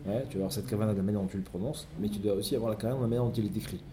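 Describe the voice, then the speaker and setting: A man's voice: fairly low pitch, steady tone, rapid-fire, background noise. A man teaching a Torah study lesson, explaining step by step and mixing in many Hebrew terms.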